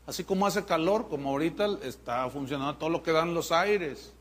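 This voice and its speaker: A man preaching a sermon as pastor, in an animated, mocking way. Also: fairly high pitch, brisk.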